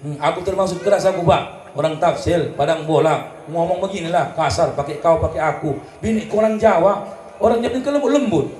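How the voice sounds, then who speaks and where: Joking preacher with a North Sumatran accent. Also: male voice, on the high side, a little fast. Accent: North Sumatran Indonesian. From North Sumatra, Indonesia. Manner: lively, joking, acts out quarrels, sings snatches. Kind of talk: comedic sermon at a religious celebration. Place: religious celebration in a hall. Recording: echoey hall with faint noise.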